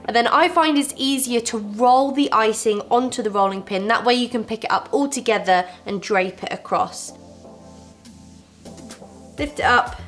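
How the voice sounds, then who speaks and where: A young woman talks viewers through a cake recipe in her home kitchen, her voice on the higher side. She keeps her instructions friendly and reassuring. Soft music plays quietly under her voice. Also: normal speed. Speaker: baking show host. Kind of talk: step-by-step baking tutorial. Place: home kitchen with fairy lights.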